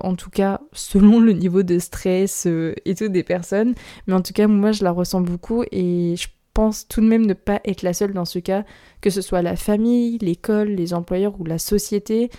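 A young woman hosting her own podcast, talking candidly in a rambling, quick way and laughing nervously now and then. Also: mid-range voice, warm tone. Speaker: podcast host. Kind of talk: personal solo podcast talk.

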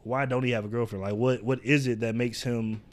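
A man on a podcast patiently laying out a hypothetical, earnest and talkative. His voice is mid-pitched and ordinary. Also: steady tone, a little fast. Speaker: podcast co-host. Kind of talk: casual chat.

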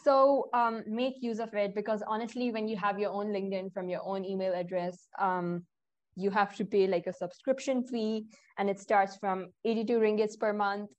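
A young woman hosts a relaxed podcast. She rambles in a friendly, chatty way and speaks directly to her listeners. She often stops to fix her own words mid-sentence. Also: medium pitch, moderate pace. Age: young adult. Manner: chatty, addresses listeners directly, self-correcting. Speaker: podcast host. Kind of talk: casual podcast chat.

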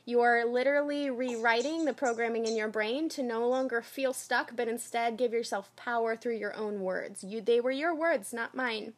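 Encouraging woman coach, gently directive. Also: fairly high pitch, moderate pace, few pauses. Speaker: life coach. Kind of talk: guided coaching session.

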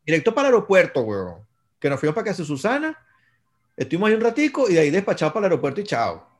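A man with a Venezuelan accent telling casual, rapid, slang-filled anecdotes as a concert promoter. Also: high voice, huge pitch swings. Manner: rapid, slangy, profanity-laced. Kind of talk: casual storytelling.

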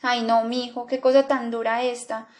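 A woman's voice: on the high side, flat delivery, normal speed, close to an everyday voice. A woman reader voicing a lamenting older mother.

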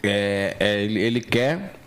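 A man's voice: on the low side, expressive, measured pace, clean tone. A man hosting a podcast, asking slangy, hesitant questions in casual chat. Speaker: podcast host.

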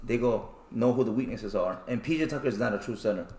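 A man's voice: on the low side, quick pace, darkish tone. Male podcast guest, brash and profane, echoey room. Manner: brash, cursing, joking. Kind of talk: casual chat.

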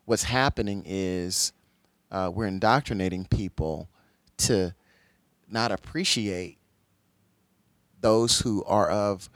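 A man's voice: on the low side, takes it slowly, pauses often, no room sound. A man hosting a conversation on faith, affirming his guest and reflecting aloud with frequent restarts. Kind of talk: conversational talk on faith and society.

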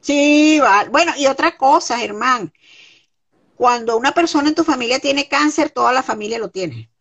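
A woman's voice: high voice, expressive, moderate pace, a bit bright, lo-fi sound. A middle-aged Venezuelan woman, a guest in an interview, speaking earnestly and repeating words for emphasis. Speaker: guest, comedian. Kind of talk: conversational interview.

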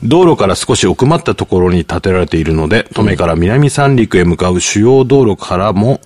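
A man's voice: low-pitched, expressive, normal speed, a little mellow. A man in his forties co-hosting a comedy radio show, with a dry, understated delivery, chatting and reading out listener mail. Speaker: radio co-host.

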